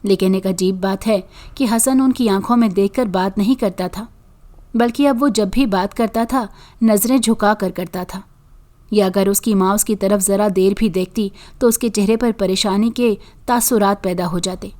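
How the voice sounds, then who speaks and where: Woman, horror story narrator, scripted, even and measured, mid pitch.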